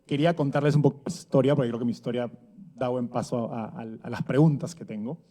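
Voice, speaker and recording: A man in his thirties speaks from an event stage in a mellow, relaxed voice. His talk is conversational and full of fillers and little rhetorical tags. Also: medium pitch, quick pace. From Peru. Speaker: speaker giving a conference talk. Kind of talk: conference talk. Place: event stage before an audience.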